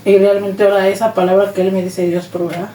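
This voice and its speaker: A Mexican woman shares her personal testimony as an interview guest, bringing each quoted exchange to life. Her voice is mellow and dark-toned. It sounds roomy and a bit distant, with faint noise underneath. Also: medium pitch, fast talker. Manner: animated retelling, acts out quoted dialogue.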